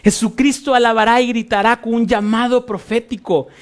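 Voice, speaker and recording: A man with a notably high voice preaching from the pulpit. He delivers an impassioned sermon, building on repeated phrases and rhetorical questions aimed at his listeners. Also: steady tone, normal speed. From Honduras. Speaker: pastor.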